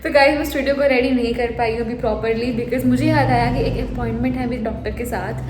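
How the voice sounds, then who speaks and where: A young woman from India talks casually through her day for her vlog, mixing in bits of English. Her voice sits slightly high, and she sounds relaxed at home. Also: quick pace, over music. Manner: chatty, mixes English phrases into her talk; softly whispered, quiet talk. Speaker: vlogger. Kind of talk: casual daily vlog chat.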